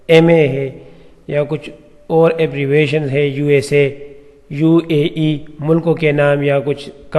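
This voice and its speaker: A man teaches a grammar lesson in a fairly high voice. He explains each point patiently and reads example sentences slowly. The recording carries a long, echoing reverb. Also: a little mellow. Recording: echoey room with long reverb.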